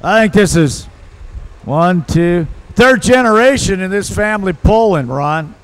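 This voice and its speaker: Male tractor pull announcer with a high-pitched voice, providing live commentary on the competition. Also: animated, measured pace.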